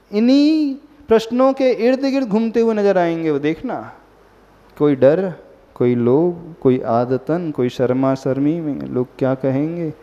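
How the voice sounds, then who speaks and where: A man's voice: high voice, mellow. A man, a Jain monk, giving a sermon and often asking the listeners questions. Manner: questions the listeners often and mixes in English words. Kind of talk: sermon to a gathered audience. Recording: long hall reverb, dull lo-fi sound.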